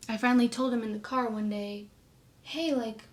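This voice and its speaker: A young woman in her twenties, telling her own story to camera in a soft, halting way, often trailing off quietly. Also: a little high, level tone.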